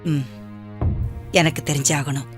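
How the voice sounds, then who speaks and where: An actress playing a stern, caring hospital doctor, firm and coaxing, in film drama dialogue. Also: female voice, low voice, flat delivery, a little slow, music in the background.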